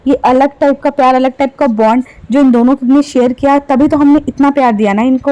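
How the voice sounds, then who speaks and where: A woman's voice: high voice, mellow, rough recording. A woman giving casual, sarcastic gossip commentary on reality show clips, taunting the people she talks about.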